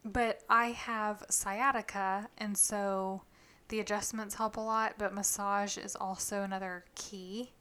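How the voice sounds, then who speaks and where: A woman's voice: medium pitch, level tone, a little slow, sharp tone, smooth. Chatty woman in her thirties hosting a podcast. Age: 30s. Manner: chatty, laughs often. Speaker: podcast host. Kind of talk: casual chat.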